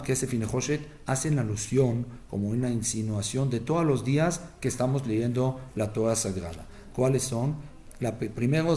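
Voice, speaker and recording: A man's voice: medium pitch, mellow. A man, a rabbi, giving a Torah lesson as a teacher who tells stories and keeps asking his listeners whether they follow. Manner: storytelling teacher, asks listeners "¿sí?"; acts out the family members' replies in a raised voice.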